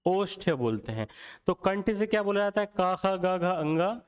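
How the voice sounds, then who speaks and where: Animated yet slow, a young man with a high, clear and resonant voice teaches Hindi grammar. He sounds out the letters individually, repeats each sound aloud, and quizzes whoever is watching.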